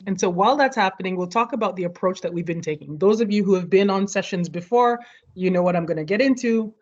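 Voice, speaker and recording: A woman's voice: medium pitch, quick pace, darkish tone. A woman leading an online study group over a video call, explaining a topic and checking in with everyone. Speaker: study session leader. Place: home near street fireworks. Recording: muffled video call audio.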